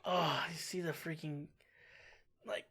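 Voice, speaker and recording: A reaction channel host talking casually about a TV episode, expressive and quick to exclaim and sigh. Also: medium pitch, slightly rough. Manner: expressive, exclaims and sighs often.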